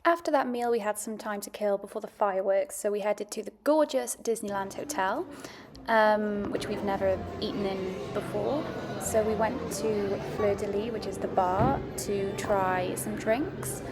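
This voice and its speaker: A woman's voice: mid-range voice, normal speed, very noisy. A woman giving a casual, chatty, understated voice-over review as a food and travel vlogger.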